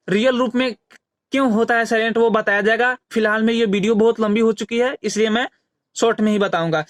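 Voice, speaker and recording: Very high male voice, patient phonics teacher who spells words out slowly, dry close recording. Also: a bit bright, no echo. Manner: repeats questions and answers. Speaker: English teacher. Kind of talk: phonics lesson.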